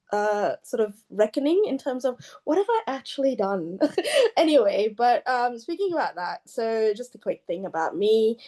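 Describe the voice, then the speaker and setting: A woman's voice: fairly high pitch, a little mellow. A young woman from Malaysia, casually introducing herself on a video call in a candid, self-deprecating way. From Malaysia, raised in Australia. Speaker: emergency doctor presenting to delegates.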